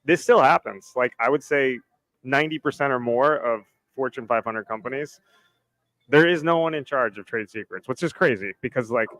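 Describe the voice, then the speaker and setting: A man's voice: medium pitch, moderate pace, a bit bright, dry recording, rough recording. A man speaking on a casual panel discussion, loose and full of "like" and "right?". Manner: loose, filler-heavy, says "right?" and "like" often.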